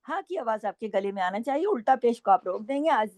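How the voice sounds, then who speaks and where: A woman teaching Quran recitation rules, alternating slow drawn-out recited examples with brisk explanations and frequent "okay?" checks. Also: fairly high pitch, expressive, no room sound. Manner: repeats checks like "okay?" and scolds gently. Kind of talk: tajweed lesson with recited examples.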